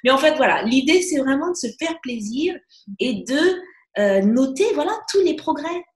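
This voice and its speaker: A woman speaks as a guest coach in a casual interview, animated and full of quick restarts. Her voice sits fairly high. The recording carries a noticeable room echo. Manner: animated, many restarts and fillers. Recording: echoey room.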